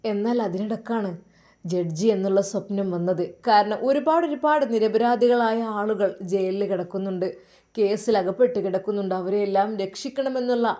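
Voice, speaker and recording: A woman's voice: mid-range voice, mellow. A woman narrating a religious family story in an earnest, emotive way.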